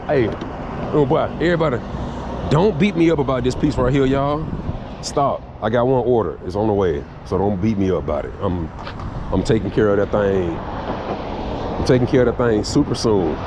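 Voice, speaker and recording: A laid-back man chats casually to his viewers while out on a minibike ride, full of slang and easy banter. His pitch swings widely up and down as he talks. Loud outdoor noise from traffic and engines runs behind him. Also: muffled recording. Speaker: vlogger host. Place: outdoors around town.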